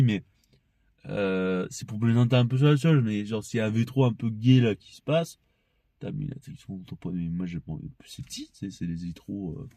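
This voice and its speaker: A man's voice: mid-range voice, mellow. A young man with an ordinary mid-range voice talks through a loose, rambling monologue. He swears freely and laughs between thoughts, and at times he heats up into ranting. The recording sounds dry and close, with no room echo. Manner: rambling, profane, laughs often, shifts into heated ranting. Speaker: vlogger.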